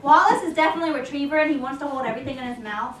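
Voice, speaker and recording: Woman dog trainer with a high voice: short upbeat commands and sing-song praise, miked from a distance. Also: very fast, background noise. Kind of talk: puppy training lesson with spoken explanations. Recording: roomy sound, away from the mic.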